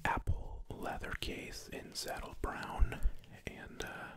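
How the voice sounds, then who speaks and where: ASMR whisperer, close mic, very slow and fully unvoiced, soothing repetition. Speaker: ASMR creator. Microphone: close microphone.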